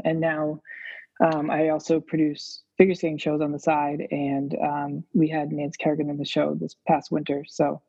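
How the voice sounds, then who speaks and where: Husky, flat-voiced male coach. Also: fairly high pitch, no echo, dull audio. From Massachusetts, USA. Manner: steady, flat delivery with fillers. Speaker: skating coach, guest. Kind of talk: interview answers.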